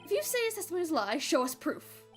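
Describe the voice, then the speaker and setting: A woman's voice: high-pitched, big pitch swings, rapid-fire, a bit bright, soft background music, pitched above the performer's own voice. A woman voicing an arrogant older male prosecutor who speaks in a clipped, scornful way.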